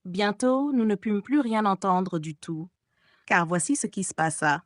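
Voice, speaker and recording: A woman's voice: medium pitch, measured pace, no room sound, studio quality. Woman reading a gothic novel aloud. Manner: expressive storytelling reading. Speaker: audiobook narrator. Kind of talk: scripted narration.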